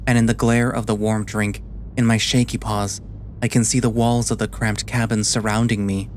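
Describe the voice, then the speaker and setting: A man playing a weary, guilt-ridden animal sailor, narrating a first-person story in a quiet, subdued, slow and deliberate way. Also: lowish voice, little pitch movement, a little hiss or hum, close to an everyday voice. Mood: brooding, weary.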